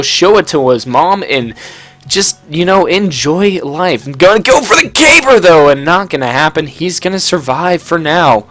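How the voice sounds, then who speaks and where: A young man giving jokey, casual play-by-play commentary on an online match, talking quickly and tripping over his words now and then. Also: fairly high pitch, fairly bright tone. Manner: rapid, jokey play-by-play with stumbles. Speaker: game commentator. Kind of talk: casual live game commentary.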